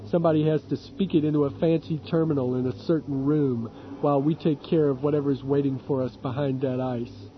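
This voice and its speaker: A man voicing a tired young hacker who speaks in a flat, clipped way. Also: fairly high pitch, fairly quick, hardly any pauses, a little hiss or hum, lightly acted. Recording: dull lo-fi recording.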